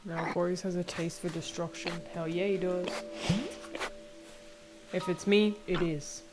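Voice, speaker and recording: A young woman with an Irish accent chatting casually while playing a game, chatty and prone to excited squeals. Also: on the low side, a little slow. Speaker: game streamer. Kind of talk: casual gameplay commentary. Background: game music.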